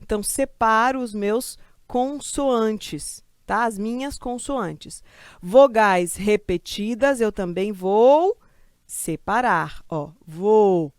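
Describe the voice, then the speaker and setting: A woman from Brazil teaching a grammar lesson for exam prep, lively and chatty, asking questions and answering them herself. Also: medium pitch, slow, clean tone, dry recording, clean studio sound.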